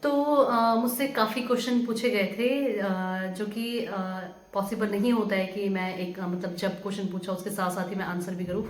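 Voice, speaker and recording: A woman's voice: medium pitch, steady tone, normal speed, few pauses. Chatty young woman vlogging in an echoey room. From Himachal Pradesh, India. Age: 20s. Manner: chatty, hesitant with many fillers, laughs at questions. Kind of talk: casual Q&A vlog. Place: home room.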